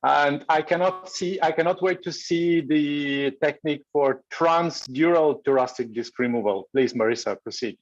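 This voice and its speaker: A man's voice: on the high side, moderate pace, hardly any pauses, dry recording. Hesitant male moderator on dull call audio. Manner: hesitant, with many fillers. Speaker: session moderator. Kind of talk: introducing speakers.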